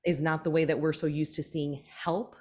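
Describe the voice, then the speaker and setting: A woman hosting a casual podcast conversation, talking in an animated way with many fillers and restarts. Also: low-pitched, moderate pace. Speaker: podcast host.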